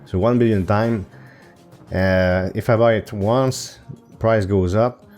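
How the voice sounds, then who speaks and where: A man's voice: fairly low pitch, steady tone, slow pace, darkish tone, soft background music. A man hosting his own gaming channel, thinking aloud over gameplay with hesitant fillers and self-corrections. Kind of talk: casual gameplay commentary. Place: home recording setup.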